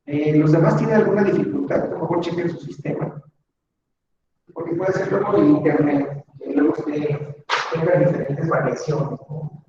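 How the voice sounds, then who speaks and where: A man's voice: a little high, moderate pace, recorded from a distance. Guy teaching an online math class, mic echoing like a big cathedral, muffled call audio. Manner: asks again and again if he can be heard. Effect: heavy echo on his mic, students say it sounds like an echo. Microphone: computer microphone on a video call. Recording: echoey, dull online-call audio with faint hiss.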